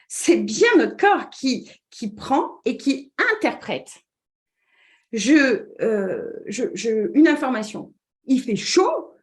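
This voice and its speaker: A woman with a slightly high voice explains ideas as a communication trainer. She talks with many fillers and restarts. She keeps checking that her listeners are following. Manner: checks in with listeners with repeated 'd'accord?'; hesitant restarts with frequent fillers. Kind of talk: explanatory talk.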